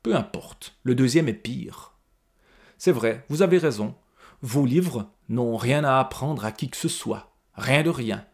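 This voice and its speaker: A man reading the lines of a blunt, scornful male inmate librarian in a deliberate, cutting way. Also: mid-range voice, a little mellow, natural voice. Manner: cutting, deliberate, stresses each syllable.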